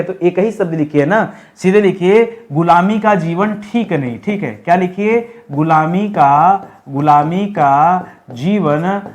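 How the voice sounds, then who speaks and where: A young man teaching a Hindi spelling lesson for exam preparation, repeating each word slowly and asking his students rhetorical questions. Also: high voice. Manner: repeats and drills words, asks the class rhetorical questions; calls his listeners friends, relaxed and unhurried. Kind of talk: online exam-prep lesson.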